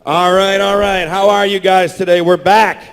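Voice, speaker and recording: This man's voice sits high, with a flat delivery at normal speed, as he hosts his own live convention panel and projects loudly to rile up the audience. Heard through a stage mic and PA in a big hall, the sound carries long reverb and slight background noise.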